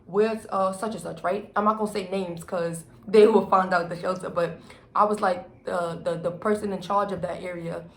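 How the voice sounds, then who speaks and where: A young adult woman vlogger telling a personal story in casual, animated slang, acting out what people said. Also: fairly low pitch, moderate pace, gravelly. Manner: animated storytelling, acts out quotes, heavy slang and swearing. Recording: roomy echo with faint background noise.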